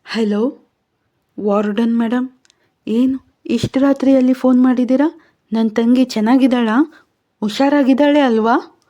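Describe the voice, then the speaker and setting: A woman's voice: a little high, fairly even intonation, moderate pace, warm tone, lo-fi sound, pitched above the performer's own voice, natural voice. A woman doing frightened young woman Manya. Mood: anxious. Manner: pleading, anxious. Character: frightened young woman, worried for her sister.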